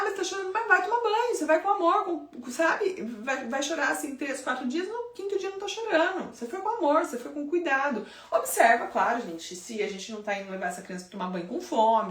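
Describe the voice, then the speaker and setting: A woman's voice: on the high side, vocal fry, roomy sound, far from the mic. Emphatic woman giving parenting advice. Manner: emphatic, conversational, animated. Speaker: infant sleep consultant. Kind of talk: direct advice talk to parents.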